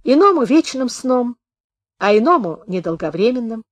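A woman voicing a thin-bearded wounded soldier with a high boyish voice, telling a folksy tale in a slow, plain manner. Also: sing-song, no room sound. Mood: wry. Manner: unhurried folksy village speech.

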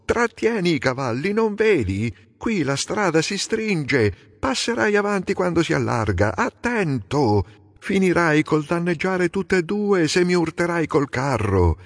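A man voicing an angry king who shouts at a reckless young rival, slow and emphatic, in a dramatic audiobook reading. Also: fairly high pitch, sing-song, no echo, studio quality, voice pushed up, full character voice. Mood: alarmed scolding.

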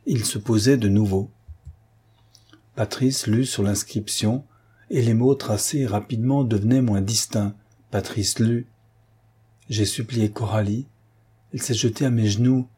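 A man narrating a classic novel in a grave, measured way. His voice is low, mellow and very husky. He reads with steady literary care. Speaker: audiobook narrator.

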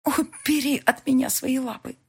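A woman's voice: high-pitched, fairly even intonation, moderate pace, vocal fry, husky, pitched above the performer's own voice, exaggerated voice. A woman reading an audiobook, voicing a furious, hysterical young woman who screams at the top of her voice. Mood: snapping.

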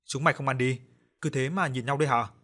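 A man voicing a furious, harsh middle-aged father who shouts, curses and threatens. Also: medium pitch, fast talker. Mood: furious shouting.

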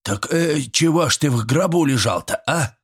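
A man's voice: a little high, lively intonation, normal speed, fairly bright tone, breathy edge, pitched above the performer's own voice. A man voicing a flustered old village man who sputters and squeals indignantly. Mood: startled.

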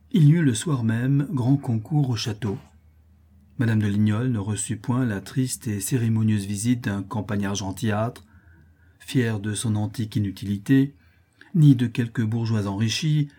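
A man reading a classic novel aloud as an audiobook narrator, in a measured literary manner. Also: mid-range voice, mellow, slightly rough. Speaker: audiobook reader.

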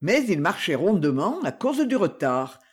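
An audiobook narrator giving a measured, expressive reading of a classic crime novel. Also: medium pitch, slightly rough. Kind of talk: scripted literary narration.

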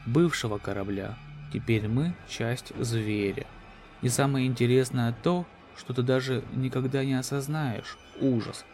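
A man voicing a gloating, menacing alien beast in a human body, slow, ominous and taunting, in a sci-fi horror audio drama. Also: mid-range voice, darkish tone, natural voice.

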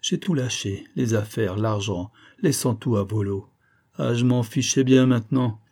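In an audiobook reading, a man speaks a little slowly in a mellow, low-side voice. He portrays a dying woman tormented by her past false testimony, who confesses while pleading in anguish and repeats words in despair.

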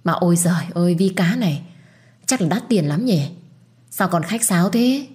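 A scornful, sharp-tongued middle-aged mother-in-law, put on by a woman reading an audio story. She scolds in a shrill, raised register, hurling insults at her daughter-in-law. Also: animated, normal speed, lightly acted.

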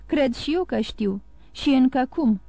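A woman's voice: high-pitched, lively intonation, gravelly, mellow, dry recording, pitched above the performer's own voice, heavily acted. A woman voicing a greedy, hesitant middle-aged male innkeeper in an audiobook. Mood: scheming.

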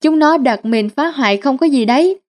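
A woman's voice: sits high, expressive, normal speed. A woman voicing an agitated old father in a comic tale. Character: old father, dying and frightened.

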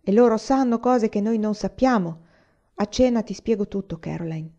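A man's voice: high-pitched, normal speed, warm tone. A woman voicing a worried, protective pioneer father who speaks earnestly, in a slightly dull lo-fi recording. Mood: calm.

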